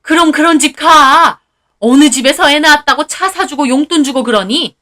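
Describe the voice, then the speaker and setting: Bossy older mother-in-law, scolds in shrill outbursts; a woman puts her on. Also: normal speed, bright, forceful tone. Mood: scolding. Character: sharp-tongued older mother-in-law, domineering and quick to anger.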